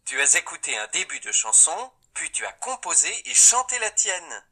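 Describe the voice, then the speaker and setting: A man giving scripted instructions and praise to a child in a learning app, in a steady, encouraging way. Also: high voice, vocal fry, a little hiss or hum. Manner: slow, cheerful praise to a child.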